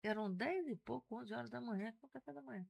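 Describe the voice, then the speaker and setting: A woman in her sixties with a Carioca accent, a guest on an interview podcast, telling stories in an animated way and often restarting her sentences. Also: fairly high pitch, fast, vocal fry, slightly rough. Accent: Carioca Portuguese. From Brazil (Rio de Janeiro). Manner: animated storyteller, frequent self-restarts. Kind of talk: casual conversational interview.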